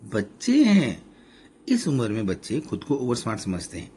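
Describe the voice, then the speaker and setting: A man voicing a gentle middle-aged husband who patiently soothes his wife. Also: mid-range voice, huge pitch swings, moderate pace, breathy edge. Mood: soothing.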